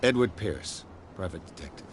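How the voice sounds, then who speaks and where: An actor playing a cool private detective who asks probing questions in a dry manner, heard as game audio. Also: male voice, sits low, expressive, normal speed, background noise.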